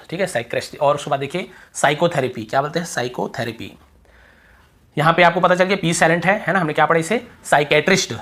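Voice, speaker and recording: A man teaching an English lesson who says each example word slowly and several times over, then checks with the listener. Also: a little high, fairly bright tone. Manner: asks the viewer quick check questions. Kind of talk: spoken language lesson.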